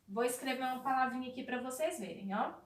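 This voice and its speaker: A woman teaching a recorded spelling lesson to young children, talking slowly in a sing-song way and asking questions she answers herself. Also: sits high. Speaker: primary school teacher. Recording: echoey room, voice off-mic.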